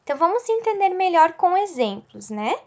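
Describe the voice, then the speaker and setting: A woman teacher with a very high, sing-song, darkish voice explains a lesson patiently, stretching out example words. She speaks slowly and explanatorily, checking in with the class using "certo?" and "ok?".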